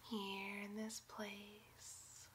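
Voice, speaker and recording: A woman in a soft, breathy ASMR role-play as a gentle, protective circus clown ringleader, speaking in a soothing, hypnotic way. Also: medium pitch, completely flat delivery, slight background noise. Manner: soothing, hypnotic, drawn-out phrases. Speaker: ASMR performer. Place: indoors against a plain wall, close to the camera.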